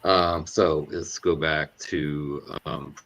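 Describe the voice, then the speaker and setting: A man hosting a casual chat over an online call, his mic crackling and breaking up as he talks haltingly. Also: a bass voice, fairly even intonation, creaky, fairly bright tone. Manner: halting, many fillers and restarts. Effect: crackling distorted mic. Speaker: host. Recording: dull lo-fi crackling call audio.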